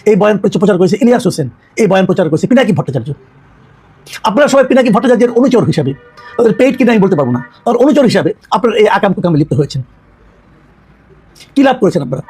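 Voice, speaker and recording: A man's voice: sits high, a little mellow, breathy edge. A man giving indignant, accusatory political commentary, full of rhetorical questions.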